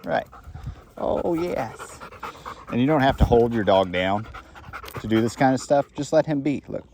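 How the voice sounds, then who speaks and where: A man's voice: medium pitch, brisk, a little mellow, a little hiss or hum. A man who trains dogs, giving an unscripted outdoor talk in a casual, blunt, rambling way with lots of fillers. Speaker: dog trainer and kennel owner.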